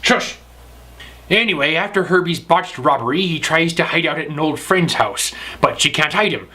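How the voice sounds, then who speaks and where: A man playing a blustering pirate who talks in gruff pirate slang and bosses people around. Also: a little high, expressive, moderate pace, bright, forceful tone, pitched above the performer's own voice. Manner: growling pirate talk, bossy and pushy. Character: blustering pirate named Cowhead, adult man. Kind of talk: comedic sketch within a review show.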